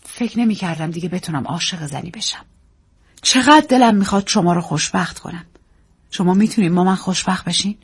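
A woman reading a story, voicing an earnest man in love who pleads quietly and tenderly. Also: fairly low pitch, breathy edge.

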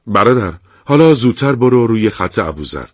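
Man voicing a calm commanding field commander. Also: fairly low pitch, no room sound, clean studio sound. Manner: steady, giving orders.

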